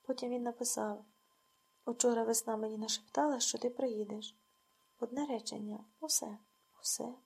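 Woman, audiobook narration, quiet restrained reading, creaky, husky. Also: fairly high pitch, steady tone, normal speed. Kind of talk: scripted narration.

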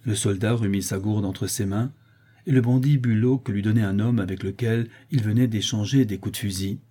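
A man reading a classic short story aloud as an audiobook narrator, in measured storytelling that shifts into the characters' dialogue. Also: fairly low pitch, fairly even intonation, dark tone, husky.

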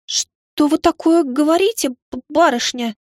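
A woman's voice: high-pitched, brisk, no echo, studio quality, voice pushed up, lightly acted. A woman voicing a plump, eager young maid who gushes breathlessly and lives for love stories. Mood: gushing, eager. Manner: breathless, exclaiming, gasping. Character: eager gushing young maid, romance-hungry.

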